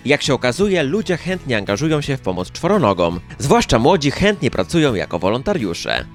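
A man's voice: mid-range voice, sing-song, a little fast. A man reading scripted news narration as the narrator of a local news chronicle. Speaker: newsreel narrator. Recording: music under the voice. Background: background music.

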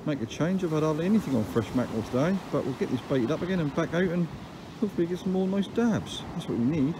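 A chatty angler from England, filming his fishing trip on a handheld phone, talks to camera from a windy open beach. His voice is a little high, animated, and quick, his tone down-to-earth and matter-of-fact with dry grumbles, and surf, wind, and waves come through the outdoor audio.

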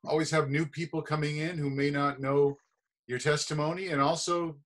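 A middle-aged man hosting a church interview show, who introduces his guest in a relaxed, hesitant way with many "um"s over a video call. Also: on the high side, normal speed. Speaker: host.

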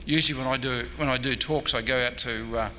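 An Australian man in his sixties, a historian, talks informally at a convention, meandering hesitantly and running himself down as he lectures and takes audience questions. His voice is mid-range and steady, going a little fast. The indoor meeting room sounds echoey, with some background noise.

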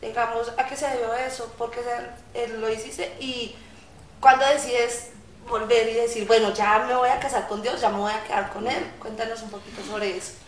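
A woman interviewer asking gentle questions. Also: a little high, steady tone, normal speed, a little hiss or hum. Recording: roomy sound, a bit off mic.

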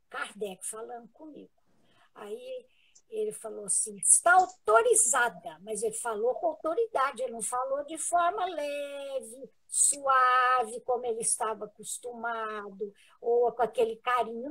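Brazilian woman, interview guest; higher, raspy, fry-edged voice; earnest, halting storyteller. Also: animated, bright, forceful tone, low-quality recording. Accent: Brazilian Portuguese. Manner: earnest, halting, with many restarts. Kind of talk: personal storytelling in a live interview.

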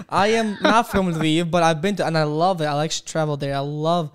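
Streaming live from a small home studio, this young man from Ukraine teaches coding at a normal speed with a clean tone. He talks with his viewers while typing, staying upbeat and exclamatory and repeatedly calling things "boom" and "beautiful." He records on an arm-mounted studio mic and wears headphones.

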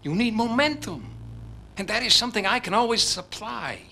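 Bright lively voiced bossy dad, cutting and scornful. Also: male voice, sits high, normal speed, gravelly, a little hiss or hum, heavily acted. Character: domineering rich middle-aged father, scornful. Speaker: overbearing father.

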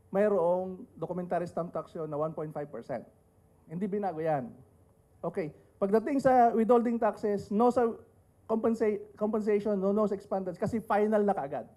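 A man's voice: sits high, moderate pace, mellow. A middle-aged man with a Filipino accent giving a panel talk, explaining rules with rhetorical questions and joking asides. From Philippines. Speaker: tax lawyer speaking on a panel. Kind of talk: lecture to an audience, mixing Tagalog and English.

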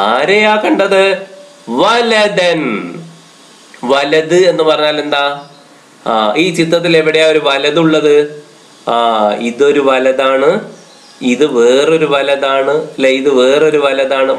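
A man teaching a children's Arabic lesson, explaining slowly word by word and asking the pupils questions. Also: fairly high pitch, fairly bright tone. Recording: echoey room.

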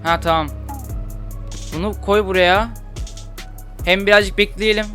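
Bright-voiced young man playing a game. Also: high-pitched, steady tone, soft background music. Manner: chatty, quickly frustrated, swears at the game. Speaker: gaming YouTuber. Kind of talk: casual Let's Play commentary.

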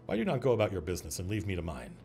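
A man's voice: low-pitched, huge pitch swings, very fast, darkish tone, soft background music, pitched below the performer's own voice, exaggerated voice. A man voicing a haughty nobleman who indignantly rebuffs a guard with lofty rhetorical questions.

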